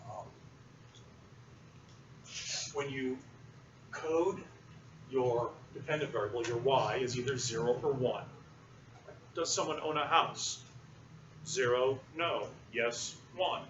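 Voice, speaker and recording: A male university lecturer with a medium-pitched voice teaches a class, explaining things in a relaxed way and often pausing with fillers. The recording sounds roomy, muffled, and distant, as if captured across a classroom, with noise in the background.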